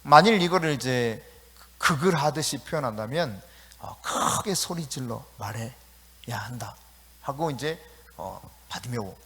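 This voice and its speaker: A man's voice: mid-range voice, expressive, measured pace, a bit bright, husky. A male pastor preaching an emphatic evening prayer-meeting sermon in a church sanctuary, acting out the scripture quotes. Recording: reverberant church hall.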